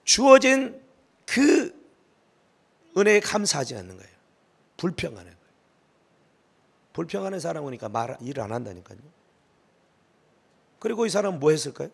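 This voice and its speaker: Gravelly, animated Korean preacher, a man. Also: sits high, normal speed, long pauses. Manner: emphatic, shifting from hushed to shouted pleading. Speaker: pastor. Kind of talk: sermon.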